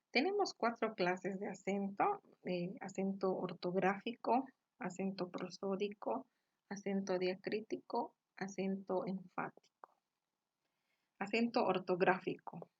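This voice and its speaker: Woman teacher, from Peru, mid pitch, patient classroom explanation, drawn-out example words. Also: lo-fi sound. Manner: explanatory, checks with tag questions, frequent fillers; slows and stresses example words. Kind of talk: classroom lesson on grammar.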